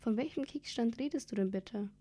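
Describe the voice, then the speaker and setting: A woman's voice: a little high, warm tone, lightly acted. A woman voicing a skeptical actress from a nativity play, in a read-aloud story. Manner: skeptical, brisk.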